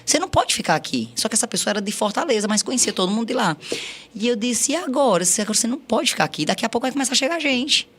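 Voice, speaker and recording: A woman's voice: on the high side, very animated, racing, fairly bright tone, breathy edge. A woman on a podcast recounting her life story, acting out quoted dialogue with many repeats.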